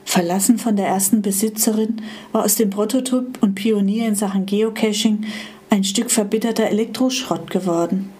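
A woman reading a storybook aloud with calm, expressive narration. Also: medium pitch, moderate pace.

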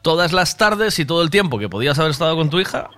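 Man, chatty radio host, bright high-ish voice, laughs and swears a lot. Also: very animated, fast talker. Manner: chatty, laughing often, swearing, acts out quotes. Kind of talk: casual chat with a caller.

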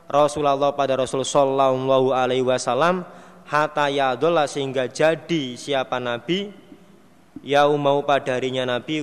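A man giving a sermon, reading a classical text phrase by phrase and translating each phrase, with lively asides. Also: mid-range voice, clear, resonant tone, long reverb tail. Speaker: preacher.

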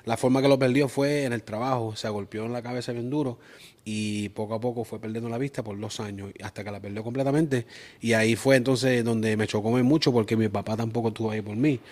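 Appearing as a guest in a laid-back interview, a music producer from Springfield, Massachusetts, USA speaks earnestly and drops in English words here and there. He talks a little fast, his mid-range voice darkish in tone and fairly even in intonation.

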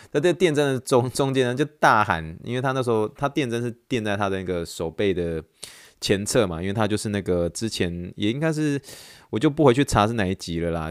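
A man's voice: deep voice, clean tone, no room sound, studio quality. A man, hosting a casual storytelling podcast in a chatty, laughing way. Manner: chatty, laughing, self-correcting. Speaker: podcast host, physical therapy intern.

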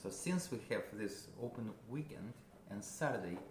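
A man with a Russian accent, a guest musician, talking casually in a halting way, searching for words with many fillers. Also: lowish voice, lively intonation. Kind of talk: casual interview. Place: a friend's house. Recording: roomy with background noise.

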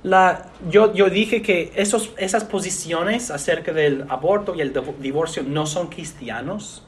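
High-voiced man preaching a sermon. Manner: measured, earnest preaching with pauses. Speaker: pastor.

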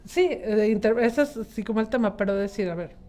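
A woman's voice: medium pitch, fairly quick, warm tone. A woman in her thirties with a Mexican accent, talking reflectively and rambling with many fillers in a casual group chat.

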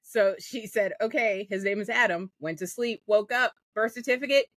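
A woman's voice: medium pitch, moderate pace, dry recording. A woman co-hosting a podcast in casual chat, telling stories and laughing often. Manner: laughs often, animated storytelling. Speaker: podcast co-host.

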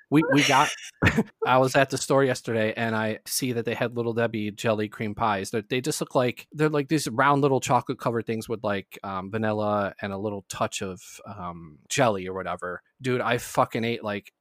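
Man, podcast host, swears a lot, animated, mid pitch, dry close mic. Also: moderate pace, no echo. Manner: profane, animated storytelling. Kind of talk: casual chat.

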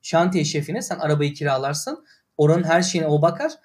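A man's voice: fairly high pitch, lively intonation, fairly quick, darkish tone. Exasperated young man ranting on stream. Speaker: livestreamer. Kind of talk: casual livestream rant.

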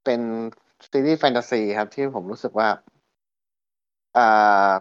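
A man's voice: mid-range voice, a little slow, smooth, lo-fi sound. A man co-hosting a casual chat show, talking with many fillers and restarts. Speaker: podcast co-host.

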